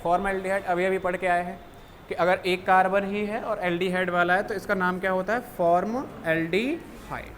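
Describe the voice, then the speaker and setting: A young man teaching a chemistry class who keeps asking questions and answering them himself, dropping low on each answer. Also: flat delivery, brisk, a bit bright. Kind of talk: classroom lecture. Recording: faint background noise.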